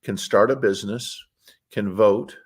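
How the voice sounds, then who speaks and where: A man's voice: fairly low pitch, fairly even intonation, unhurried. Rambling, opinionated man telling stories. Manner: rambling, digressive storytelling; plainspoken, opinionated. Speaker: interview guest. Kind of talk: casual conversational interview.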